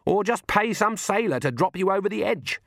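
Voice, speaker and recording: A man voicing a stern, sharp-tongued elderly witch who talks in blunt rural speech. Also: sits high, animated, fairly quick, gravelly, dry recording, clean studio sound, voice pushed up, full character voice.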